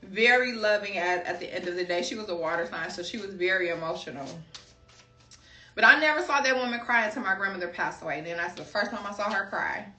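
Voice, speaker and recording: A woman's voice: mid-range voice, fast talker, sharp tone. Chatty woman in an echoey room. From Chicago, USA. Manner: chatty, drifts into personal stories, keeps calling viewers y'all. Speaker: tarot card reader. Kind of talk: casual tarot reading to viewers. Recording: echoey room, voice a bit far from the mic.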